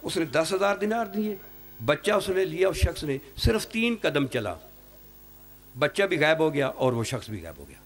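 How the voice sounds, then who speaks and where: A man delivering an emotional mourning sermon as a cleric, with rhetorical tags and sudden leaps in pitch and loudness. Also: sing-song, a little hiss or hum. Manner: impassioned, swinging sharply in pitch and loudness, rhetorical "hain?" tags. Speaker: Shia cleric leading a Muharram majlis.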